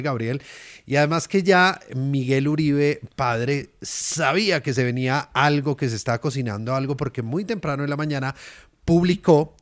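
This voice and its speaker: Give me a man giving a steady radio news report. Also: mid-range voice. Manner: steady, informative, with fillers. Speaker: political reporter.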